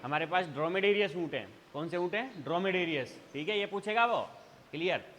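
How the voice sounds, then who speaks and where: Man teaching an exam revision class, drills with repeated questions, bright forceful voice, echoey hall. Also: high voice, lively intonation, brisk, a little hiss or hum. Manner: quizzing students with repeated call-and-response questions. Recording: hall reverb.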